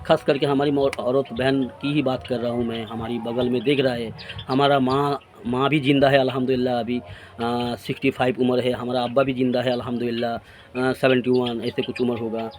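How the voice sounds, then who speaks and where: A man's voice: medium pitch, little pitch movement, fairly quick, a little mellow, slight background noise. A man in his forties delivering an earnest, reproachful religious sermon to his friends, piling up repeated phrases. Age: 40s. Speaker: preacher.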